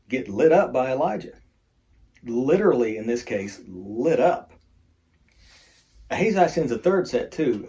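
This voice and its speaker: Male Bible study teacher, warm low-key tone, chatty, tosses in jokes. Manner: conversational, with joking asides.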